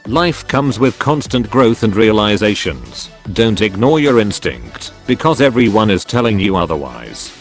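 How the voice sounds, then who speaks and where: A man narrating forum posts as a channel host in a steady, even reading. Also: lowish voice, a little slow, few pauses, soft background music. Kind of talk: scripted narration.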